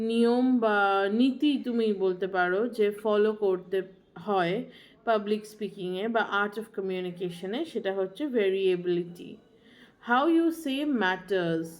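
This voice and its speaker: A woman's voice: mid-range voice, darkish tone, poor audio. A young woman vlogger explaining ideas to her viewers in a teacherly, repetitive way, slipping English phrases into her talk. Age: young adult.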